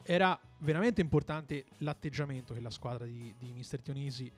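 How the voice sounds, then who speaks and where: Over soft background music, a man with a medium-pitched, fairly even voice talks fairly quickly. He's a football pundit co-hosting a discussion, analysing the match conversationally while often searching for words and repeating himself.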